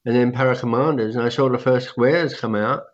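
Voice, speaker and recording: A man's voice: mid-range voice, fairly even intonation, a little fast. Toothless older man, dull lo-fi sound. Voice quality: toothless, slurred speech from having all teeth out. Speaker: interview guest, veteran skydiving suit maker. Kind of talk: casual reminiscing in an interview.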